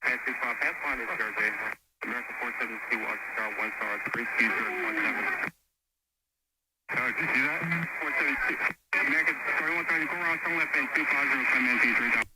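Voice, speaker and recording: Raspy man on air traffic radio. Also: mid-range voice, fairly even intonation, fast talker, long pauses, pushed and bright, no room sound, rough recording. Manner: terse, repetitive call signs. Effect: air traffic radio transmission. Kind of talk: clipped radio calls to aircraft.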